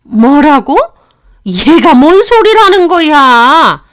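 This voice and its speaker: Brief: woman reader doing a high, loud, domineering middle-aged mother-in-law, bossy and scornful. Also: expressive, takes it slowly. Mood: furious.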